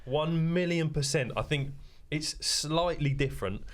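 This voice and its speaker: A man's voice: a little high, measured pace. A young man in casual football chat, blunt and joking with swearing.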